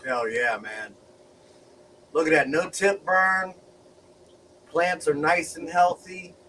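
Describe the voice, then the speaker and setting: A man's voice: fairly high pitch, slow, pushed and bright, distant mic, slight background noise, low-quality recording. Hyped, profane man hosting a livestream. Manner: hyped, profane, laughing often. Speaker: grow show host. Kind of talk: casual chat on a livestream.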